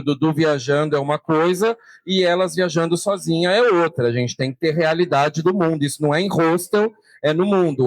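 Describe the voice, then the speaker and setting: A man's voice: fairly high pitch, no echo. A Brazilian journalist hosting a panel, casually framing long questions for his guests. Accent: Brazilian Portuguese. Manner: conversational, asks long framing questions with tag "né". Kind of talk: moderating a panel conversation. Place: stand at a tourism fair.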